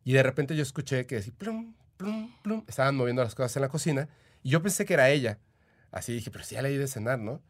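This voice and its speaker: A man with a Mexican accent talks as a podcast guest, telling his stories in loose, eager chat. His voice sits at an ordinary middle pitch, and he fills his pauses with small verbal fillers. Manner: chatty, eager, full of "o sea" and "este" fillers. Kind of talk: casual storytelling.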